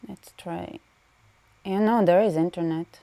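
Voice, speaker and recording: Livestream host, Israeli woman, a bit low, chatty and laughing. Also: a little slow, vocal fry, mellow. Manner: chatty, laughs often, reads viewer comments aloud. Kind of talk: casual livestream chat.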